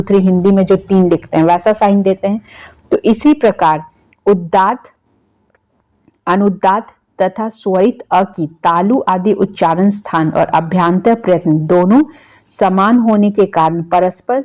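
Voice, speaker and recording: A woman's voice: mid-range voice, dark tone. A woman teaching Sanskrit grammar in an exam-prep lecture, asking questions and answering them herself. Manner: asks questions and answers them herself, repeating key terms.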